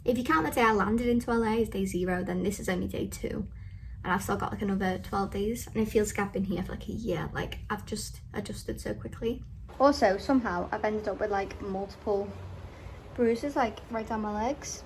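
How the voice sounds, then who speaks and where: A woman's voice: medium pitch, fairly quick, a little hiss or hum. A young woman recapping a trip in a casual vlog, chatty and full of filler "like"s. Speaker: travel vlogger.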